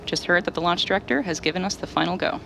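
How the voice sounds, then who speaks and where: A woman with a slightly low voice hosts a live launch webcast. She explains each step in a clearly enunciated presenter delivery. There is faint noise behind her. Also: fast, a bit bright.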